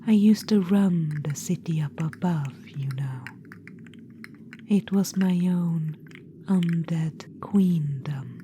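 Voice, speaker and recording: This ASMR roleplay features a woman's unhurried, low whisper as an ancient witch queen, undead, vain and imperious. Wistful in mood, she teases condescendingly and keeps calling you darling, while a steady hiss sits under her voice.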